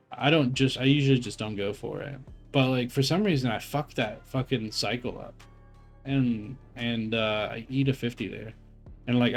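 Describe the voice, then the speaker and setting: A young man talks over his gameplay footage in a loose, rambling way, full of filler words, restarts and swearing. His voice sits at an ordinary middle pitch and sounds slightly phlegmy from eating while he talks. Faint music plays behind him. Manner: rambling, profane, heavy on filler words and self-corrections. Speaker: gamer reviewing his own raid footage. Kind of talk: casual gameplay commentary.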